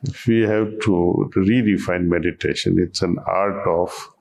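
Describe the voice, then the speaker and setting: A man speaking as a spiritual teacher in a calm, reflective conversation, talking in a slow, measured way. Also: sits low, gravelly.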